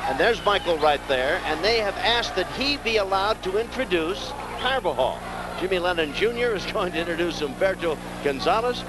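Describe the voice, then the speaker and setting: A man's voice: high-pitched, expressive, normal speed. A man giving conversational broadcast commentary from ringside at a boxing match. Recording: clear venue noise behind.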